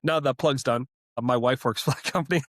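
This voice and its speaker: A man's voice: mid-range voice, a little fast, no room sound, clean studio sound. A man hosting a podcast interview who speaks in an enthusiastic, appreciative way. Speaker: podcast host.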